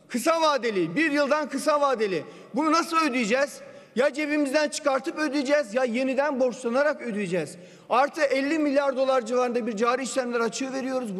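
A man giving a parliamentary budget speech into a podium microphone, assertive and firing pointed rhetorical questions. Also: extremely high pitch. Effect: speaking into a podium microphone. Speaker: member of parliament. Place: parliament general assembly hall. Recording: long reverb of a large chamber.

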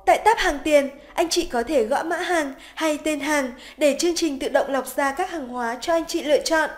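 A woman with a high, light voice reads scripted instructions for a software tutorial. Her delivery is polite, even and methodical, walking the listener through each step. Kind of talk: scripted narration. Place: voice-over over screen recording.

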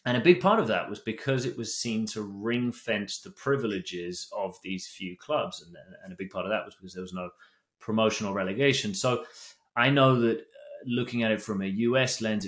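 British podcast host in a roomy study. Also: male voice, fairly low pitch, a bit bright. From Britain. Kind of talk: video call interview. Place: home study. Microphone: desk microphone.

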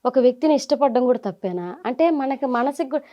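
A middle-aged woman, telling her story as an interview guest in lively bursts and quoting people as she goes. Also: high-pitched, lo-fi sound. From Nellore region, India. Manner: animated, quotes people in quick bursts.

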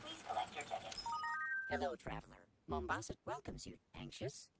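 A woman voicing a calm, polite automated city announcer machine in a video game, speaking in a soothing, measured way. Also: deep voice, creaky, heavily acted. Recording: game capture with loud background noise.

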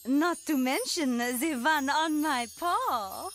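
An actress voicing a vain, flirtatious female cat who talks in a slow, purring, coy way. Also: high-pitched, fairly bright tone, faint music behind, exaggerated voice. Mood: flirty.

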